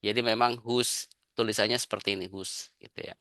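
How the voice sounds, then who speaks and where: A man's voice: on the low side, steady tone, brisk, pushed and bright, dry recording. A man with an Indonesian accent teaching an English grammar lesson to a class, explaining patiently and often tagging his phrases with a questioning "ya".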